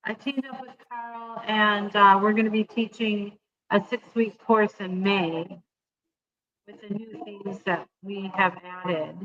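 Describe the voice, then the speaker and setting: A woman's voice: medium pitch, steady tone, slow pace, fairly bright tone, highs cut off. A woman guest who works as a hypnotist, speaking with many hesitant ums while her voice keeps cutting in and out over a remote call line. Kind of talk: casual interview answers.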